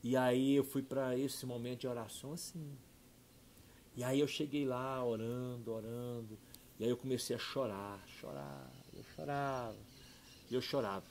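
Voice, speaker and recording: A middle-aged man, a pastor telling a heartfelt personal testimony, dropping soft and low then rising loud and excited. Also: normal speed, a little hiss or hum. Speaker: pastor and podcast guest.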